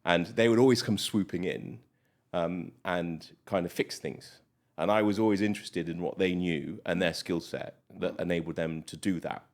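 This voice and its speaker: Very low-voiced chatty British man. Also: moderate pace. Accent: British English. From Malawi. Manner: chatty, many fillers, rambling. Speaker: guest doctor. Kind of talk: casual interview chat.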